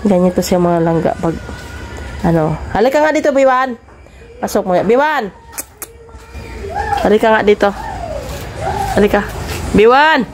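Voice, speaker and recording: A woman filming her dogs at home, scolding them and calling them over in a chiding, coaxing voice, then talking more quietly to viewers. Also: medium pitch, expressive, normal speed, long pauses, soft background music. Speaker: dog owner filming her pets. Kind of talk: casual vlog narration.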